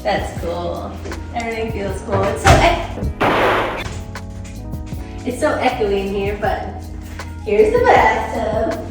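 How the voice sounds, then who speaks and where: A woman in her forties gushing as she shows off a large hotel bathroom, her chatty voice ringing in its loud echo. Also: mid-range voice, slow, pauses often. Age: 40s. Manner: excited, chatty, gushing over details. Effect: loud echo of a big tiled bathroom. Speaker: vlogger touring a hotel room. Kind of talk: casual vlog room tour. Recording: echoey room, mic at a distance, music under it.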